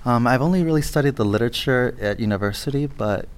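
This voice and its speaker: A man's voice: medium pitch, fast. A man born in Mexico and raised in Los Angeles, a college English instructor, explaining things in an interview and often saying "you know". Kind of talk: radio interview guest.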